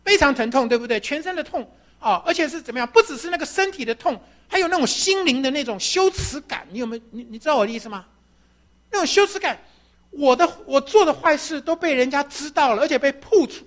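A woman preaches a sermon with storytelling flair. Her voice swings widely up and down in pitch as she asks the congregation questions. She acts out the voices of the people in her story. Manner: animated storytelling with rhetorical questions.

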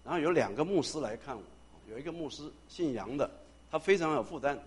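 A man's voice: on the high side, fast talker, slightly rough. A man who is a pastor, telling a personal testimony in a sermon, acting out the dialogue and sometimes stammering or repeating words. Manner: animated storyteller who acts out dialogue.

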